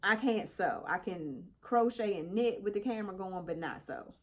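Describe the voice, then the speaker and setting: A middle-aged woman vlogging casually to her viewers, chatty and animated, slightly congested, calling them y'all. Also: medium pitch, normal speed. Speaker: crochet vlogger. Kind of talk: casual chat to camera.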